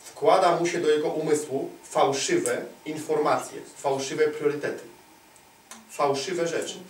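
A man's voice: fairly high pitch, steady tone, unhurried, far from the mic, slight background noise. Fiery preacher man in an echoey hall. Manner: swings from shouting emphasis to hushed near-whisper; asks listeners rhetorical questions. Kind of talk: charismatic sermon. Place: church hall. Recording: echoey hall, speaker off-mic.

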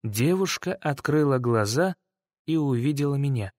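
A man's voice: mid-range voice, animated, moderate pace, a little mellow, dry recording, studio quality. Man reading a first-person audiobook. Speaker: audiobook narrator.

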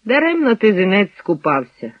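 Man reading as a gruff army sergeant, mocking, curt, husky, lively pitch, dull lo-fi sound. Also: normal speed, dry recording, full character voice.

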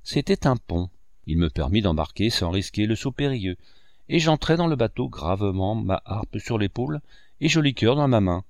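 A man narrating a classic novel in a measured storytelling manner. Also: fairly low pitch, expressive, a little mellow, dry recording, studio quality. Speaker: audiobook narrator.

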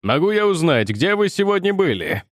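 A man's voice: high voice, sing-song, moderate pace, dry recording, clean studio sound, voice pushed up. A man reading a stern male police officer who asks curt, officious questions.

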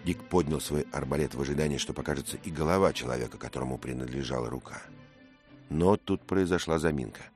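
A man narrating a story in a measured, dramatic way. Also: a bass voice, a little mellow, faint music behind. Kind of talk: scripted narration.

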